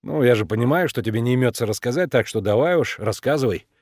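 A worn-out grown actor answers grudgingly, his tone skeptical and dry, as a man acts him out. The reading is close and free of room sound, with a lively pitch. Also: moderate pace, no room sound.

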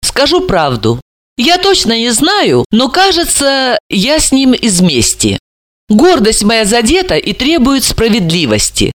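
A man's voice: very high voice, wildly swooping pitch, measured pace, fairly bright tone, no room sound, clean studio sound, pitched above the performer's own voice, heavily acted. Man voicing a proud, mocking young woman. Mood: defiant. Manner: defiant, mocking. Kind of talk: audiobook character reading.

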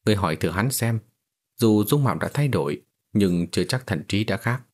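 Male narrator reading an unflappable young swordsman, composed, low husky tone. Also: expressive, brisk, darkish tone. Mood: calm. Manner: composed, matter-of-fact.

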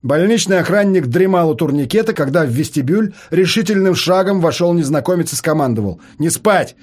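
A man narrating an audiobook in an expressive storytelling manner. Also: on the high side, brisk.

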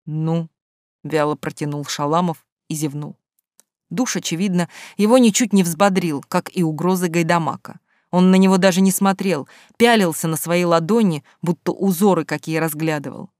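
A reader narrating a novel in a measured storytelling manner. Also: medium pitch, a little mellow, no room sound, studio quality. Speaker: audiobook reader. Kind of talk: scripted narration.

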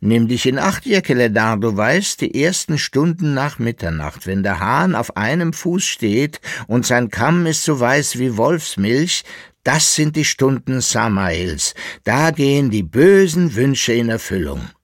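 A man's voice: mid-range voice, sing-song, a little slow, dry recording, studio quality, pitched above the performer's own voice. A man voicing a sly, rhyming old rogue in an audiobook. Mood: sly, boastful. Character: boastful scheming old male drinking companion.

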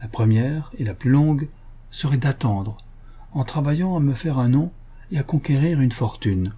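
A man's voice: medium pitch, animated, moderate pace, mellow, husky, pitched above the performer's own voice. A man reading aloud voices a poor young suitor, ardent, earnest and cheeky.

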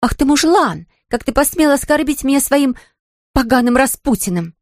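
A woman's voice: on the high side, brisk, darkish tone, no echo, close to an everyday voice. A woman reading an audiobook, voicing a playful young woman who puts on a haughty, theatrical manner, in a dry studio.

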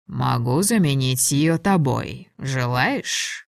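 A woman's voice: rumbling low, expressive, takes it slowly, vocal fry, no echo, studio quality, exaggerated voice. A woman voicing a sardonic male dragon lord in human form, teasing and cold, in an audiobook. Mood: mocking. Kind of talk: audiobook dialogue reading.

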